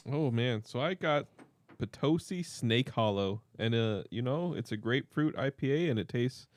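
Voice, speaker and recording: A man's voice: medium pitch, lively intonation, moderate pace, no room sound. A man co-hosting a podcast, talking casually with a laid-back, rambling and joking manner. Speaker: podcast co-host.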